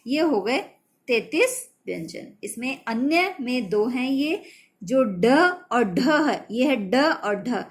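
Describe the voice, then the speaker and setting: A woman teaches a children's grammar lesson slowly and patiently, spelling out letters and sounds one at a time. Her voice sits on the high side and sounds animated.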